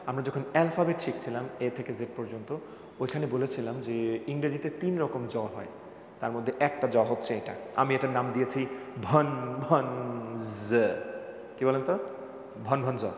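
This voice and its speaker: A man's voice: medium pitch, moderate pace. A male teacher giving a classroom lesson on English pronunciation, playful and jokey, quizzing his students by name. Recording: echoey room with long reverb, faint background noise.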